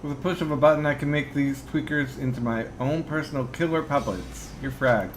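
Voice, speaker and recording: A man reading the video game lines of a calm, threatening Yakuza hacker. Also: a little high, brisk, slight background noise, natural voice. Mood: calm menace.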